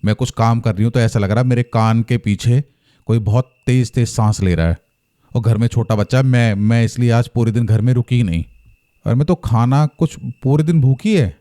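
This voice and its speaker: A frightened young wife, feverish and pleading in an anxious voice, as a man retells her words. The voice stays dark and mellow, close to the man's own everyday speech. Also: mid-range voice, a little fast, lightly acted.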